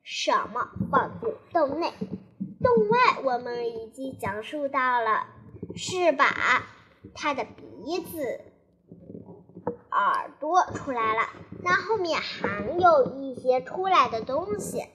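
A woman telling a story to children in a gentle, coaxing way, asking them questions as she reads. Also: high-pitched, big pitch swings, takes it slowly, rough recording. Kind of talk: bedtime story reading for children.

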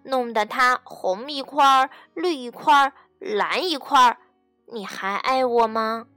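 A woman's voice: fairly high pitch, unhurried, sharp tone, no echo, faint music behind. Woman doing a small anxious girl asking questions. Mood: pleading. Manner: pleading questions, childlike. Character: little girl, eager and anxious.

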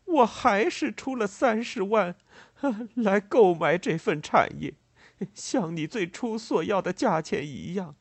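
A greedy, bullying rich landowner rages in an audiobook, voiced by a man narrator. The voice is pushed high and loud, husky and dry, and bursts into blustering threats. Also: expressive, takes it slowly, dry recording, full character voice. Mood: despairing. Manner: shouting, blustering, tearful with greed.

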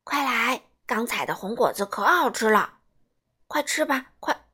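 A woman doing a gentle fatherly T. rex. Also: a little high, animated, unhurried, breathy edge, full character voice. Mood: tender. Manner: soothing, fond.

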